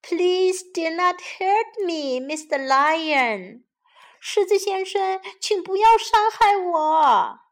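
A woman voicing a tiny, timid mouse in a children's storybook, with a squeaky, pleading voice. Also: expressive, slow pace, exaggerated voice.

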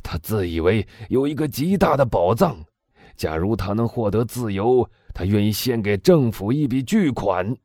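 A man voicing an excitable middle-aged prison inspector, talking loudly and eagerly in an audiobook. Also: on the low side, normal speed, dry recording, studio quality, voice pushed up. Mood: talkative. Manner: loud, eager, exclaiming. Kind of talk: audiobook dialogue reading.

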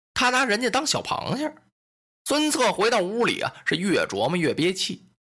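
Storyteller, man; animated swooping delivery, bright bold tone. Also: high voice. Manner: animated, colloquial narration with vivid asides. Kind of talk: traditional storytelling performance.

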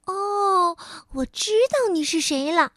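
A woman voicing a small, mischievous fairy in a children's bedtime story, with a high, teasing, chirpy voice. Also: takes it slowly, fairly bright tone, no echo, clean studio sound, heavily acted.

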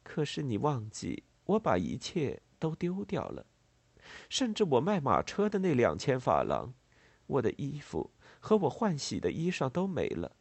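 A man voicing a ruined widow who speaks in a quiet, restrained, cool manner. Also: mid-range voice, wildly swooping pitch, unhurried, creaky, breathy edge, no room sound, full character voice. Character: ruined noble widow, dignified and weary.

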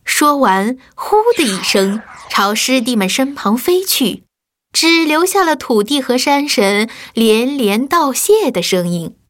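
A woman narrating a children's story in a lively, expressive way. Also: sits high, takes it slowly. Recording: faint music behind.

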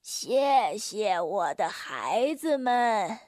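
Woman reading as a weary old grandpa storyteller, very slow and sighing, lilting up and down, dry booth sound. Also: on the high side, big pitch swings, no echo, voice pushed down. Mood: gentle. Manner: slow, sighing, sorrowful delivery.

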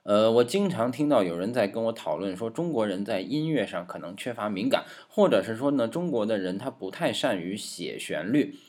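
Lively, low-voiced man teaching music history. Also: brisk, few pauses. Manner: jokey, talks to his piano. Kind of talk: playful music lecture. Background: piano playing.

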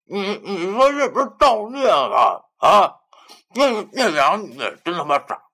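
A man's voice: high-pitched, sing-song, unhurried, pushed and bright, pitched above the performer's own voice, heavily acted. A man voicing a hot-tempered, foul-mouthed male buddy, ranting in stammering outbursts. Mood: furious. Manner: angry, swearing, stammering outbursts. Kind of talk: audiobook character voice.

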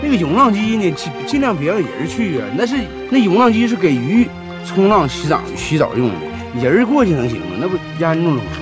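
A folksy country boss who jokes in plain, earthy terms. His voice is a little high and lively, with music underneath. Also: fairly quick. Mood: teasing. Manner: folksy, teasing, plain-spoken. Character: folksy male rural business boss, blunt joker. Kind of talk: TV series acting.

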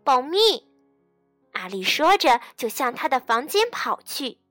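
A woman's voice: sits high, big pitch swings, moderate pace, fairly bright tone, dry recording, soft background music. A woman reading a bedtime story aloud in a soothing way, speaking to a child. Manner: soothing, addresses child as darling.

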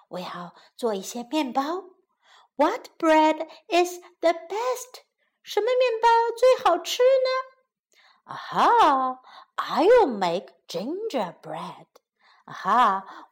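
A woman voicing a kindly older aunt who bakes, speaking softly and musing to herself, in a children's storybook. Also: high voice, sing-song, exaggerated voice. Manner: soft, musing, slow. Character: kindly old aunt baker, gentle.

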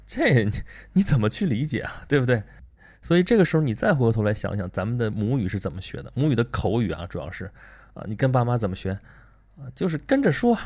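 Male host with a lilt, quick and lively, rhetorical, casual monologue. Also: fairly low pitch. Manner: animated, rhetorical questions, chatty asides. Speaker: podcast host. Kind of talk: casual monologue on learning and reading.

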